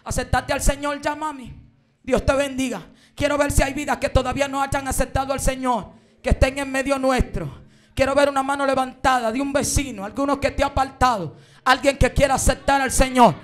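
A woman preacher, telling her story in a fiery sermon and breaking into shouted praise. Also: high voice, steady tone, brisk. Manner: shouts and chants praise between stories.

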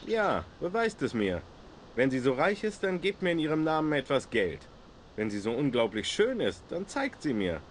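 Ein Sprecher, der im Videospiel einen spöttischen, selbstsüchtigen Barden spielt. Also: male voice, on the high side, very animated, normal speed, slight background noise. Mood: greedy. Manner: sarcastic, mocking. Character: sarcastic, greedy, self-centered male bard hero. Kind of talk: video game dialogue.

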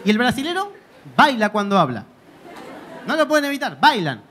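A stand-up comedian with a Buenos Aires accent performs on a club stage into a handheld mic. His delivery is punchy and full of slang, with a lively, swinging intonation. Faint audience laughter and a low hum sit behind him. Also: normal speed, crowd noise. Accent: Argentine, Buenos Aires.

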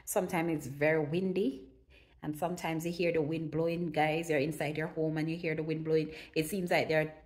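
Low-voiced woman chatting with many pauses. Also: little pitch movement, a little mellow. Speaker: vlogger. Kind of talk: casual chat to camera.

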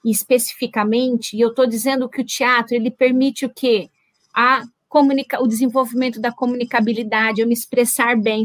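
A woman's voice: sits high, a bit bright, no room sound. A woman professor with a Brazilian Portuguese accent commenting at an online seminar, speaking to the audience in an engaging way. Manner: engaging, addresses audience as "gente".

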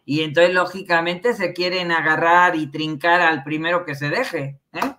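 A man in casual conversation, chiming in to agree and adding quick remarks. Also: a little high, sharp tone, slight background noise. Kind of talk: casual chat.

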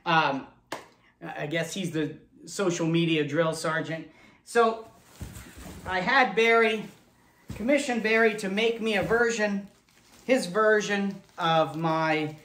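A man's voice: fairly high pitch, a bit bright, a little hiss or hum. An American man in his forties hosting a casual unboxing presentation as a ventriloquist. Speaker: ventriloquist host. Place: indoor puppet studio room. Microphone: camera a few steps away. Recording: echoey room, distant camera mic.

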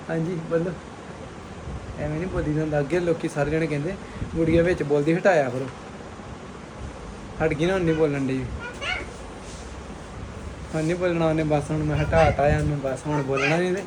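A man's voice: on the high side, steady tone, moderate pace, pauses often. A man vlogging casually at home, chatty, giving directions to family as he films. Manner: chatty, instructing family members. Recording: noisy home background.

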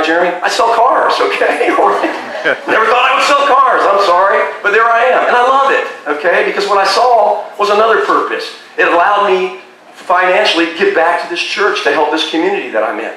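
Middle-aged man, testimony at a live service, excitable and bright, high voice, echoey and heard from a distance. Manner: excitable, keeps asking "okay?". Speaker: church member giving testimony. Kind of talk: personal testimony at outdoor church service. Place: beach bar lounge, open-air service.

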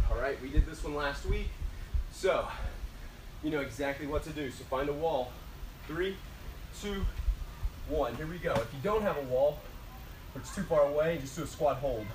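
A man in his thirties coaching like an aerobics instructor while exercising, with short urging cues and countdowns, recorded on an outdoor porch by a distant camera. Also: a little high. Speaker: fitness instructor. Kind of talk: aerobics instructor leading a timed workout. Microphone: camera several metres away. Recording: echoey, noisy, distant camera microphone outdoors.

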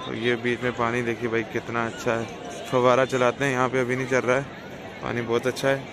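A young man from Jammu and Kashmir, India, narrates a casual travel vlog into a phone held at arm's length, pointing things out to his viewers as he moves through busy streets, rides in vehicles and visits monuments. His mid-range voice is monotone and brisk. Traffic noise from the city street and a crowd fill the background.

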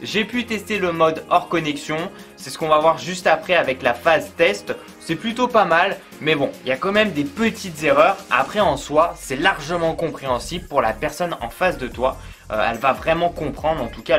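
Guy doing a casual gadget review, lots of euhs, a bit higher voice, faint music behind. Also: animated, moderate pace, a bit bright. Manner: chatty, many fillers, addresses viewer informally. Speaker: product reviewer.

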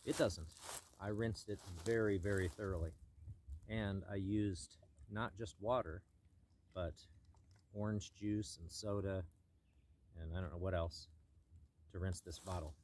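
A man's voice: sits low, steady tone, measured pace, pauses often, darkish tone. An older man narrating casually as he hikes a forest mountain trail outdoors, thinking aloud with many fillers and the odd dry joke. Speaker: hiking vlogger. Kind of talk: casual narration while hiking.

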